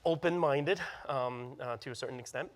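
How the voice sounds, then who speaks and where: A man's voice: medium pitch, moderate pace, long reverb tail. A young adult man, born in Hong Kong and raised in the US, speaking casually as an actor guest with lots of fillers and restarts. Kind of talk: studio interview. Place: TV studio set.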